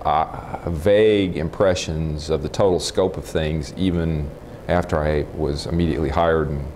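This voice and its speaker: With a rumbling low, darkish voice and fairly even intonation, a Texan in his forties, a nuclear physicist, talks through his life matter-of-factly and haltingly. It's an informal oral history interview held in a room of a house. His lapel mic picks up faint background noise.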